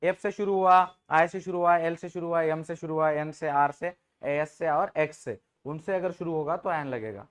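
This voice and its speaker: A man's voice: fairly high pitch, normal speed, few pauses, clear, resonant tone. A man teaching an English grammar class in Hindi, joking with students and often checking if they understood. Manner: jokes with the class, informal and teasing.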